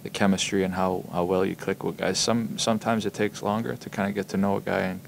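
A young man, a hockey player, answering reporters' questions at a postgame press conference, halting and full of ums and repeated words, speaking into table microphones in a press room. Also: low voice, level tone, gravelly, a little hiss or hum. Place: press room in front of a logo backdrop. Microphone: table microphones in front of him.

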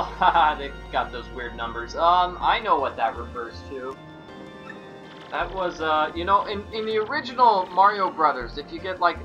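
A man's voice: fairly high pitch, dull audio. A man giving casual, off-the-cuff commentary as host of a video game playthrough. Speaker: let's play host.

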